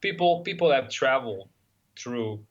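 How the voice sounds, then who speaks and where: This motorcycle traveler from Italy speaks in a mid-range, animated voice at a moderate pace, though the recording is muffled. As an interview guest with an Italian accent, he talks casually but haltingly, with many fillers and restarts.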